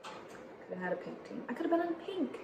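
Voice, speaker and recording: A woman's voice: high-pitched, fairly quick. Giggly young woman in echoey room. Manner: giggly, animated, rambling with many fillers. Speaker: co-host. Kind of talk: casual comedic chat. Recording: echoey room with faint noise.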